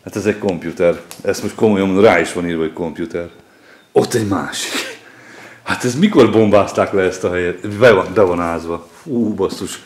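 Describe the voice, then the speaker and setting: A middle-aged man giving a curious, chatty running commentary while exploring an abandoned building with his children. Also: sits low. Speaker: father exploring with his kids. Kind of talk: casual exploring vlog.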